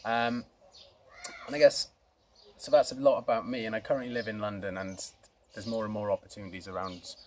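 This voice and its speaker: A man's voice: on the low side, steady tone, fairly quick, long pauses, a little hiss or hum. A man from Swansea with a South Welsh accent, introducing himself in a casual, unscripted and somewhat hesitant way. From Swansea, Wales. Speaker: co-founder of a youth mental health organisation, introducing himself.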